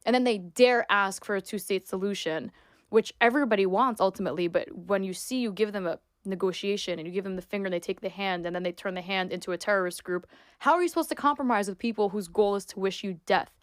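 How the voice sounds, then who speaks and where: A woman in her twenties from New York talks as a podcast guest, opinionated and emphatic, with "like" sprinkled through her sentences. Her voice sits at a middle pitch, and it is recorded close and dry with no room sound. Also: quick pace, smooth, dry recording. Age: 20s. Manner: emphatic, opinionated, frequent "like" fillers. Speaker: guest, sports reporter and influencer. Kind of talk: casual interview talk.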